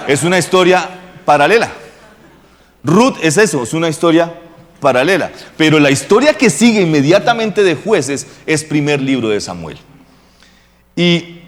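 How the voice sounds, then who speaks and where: A man's voice: a little high, long reverb tail. A male pastor preaching a sermon in a casual, joking way, often asking the congregation questions. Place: church hall.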